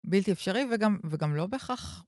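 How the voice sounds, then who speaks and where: Woman, couples counselor, podcast chat, hesitant, restarts often, mid pitch, dry sound. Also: animated, a little mellow, no room sound. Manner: hesitant, many fillers and restarts. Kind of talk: podcast conversation.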